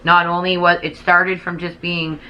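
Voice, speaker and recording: A woman's voice: lowish voice, flat delivery, normal speed, highs cut off. A woman chatting casually as a talk show host, gossiping and giving emphatic, slangy opinions with free swearing.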